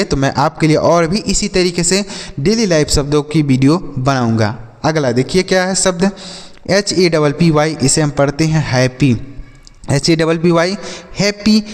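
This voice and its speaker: A man with an Indian accent teaching English words, spelling each one out letter by letter and repeating example sentences slowly. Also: fairly high pitch, long reverb tail. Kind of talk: slow spoken-English lesson.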